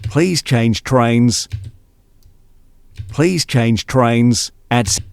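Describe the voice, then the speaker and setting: Heard as pre-recorded playback cut into fragments, a man reads train station announcements in a formal, even public address style. His mid-range voice is very slow, creaky, smooth, and darkish, with no room sound.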